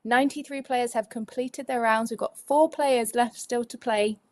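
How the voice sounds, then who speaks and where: A woman's voice: a little high, steady tone, normal speed. A woman co-hosting a live golf tour broadcast, chatty and teasing her co-host as she runs through the standings. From Europe.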